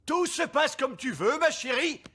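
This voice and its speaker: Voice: sits high, lively intonation, measured pace, over loud music. An actor voicing a grumbling fairy king and father in a cartoon. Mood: impatient. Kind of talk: cartoon voice acting.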